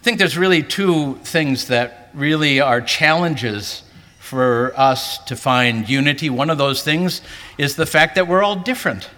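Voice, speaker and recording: This male pastor speaks a little slowly, his bright voice pushed hard as he preaches earnestly to a convention. His pitch climbs whenever he stresses a point, with reverb from the large hall around him.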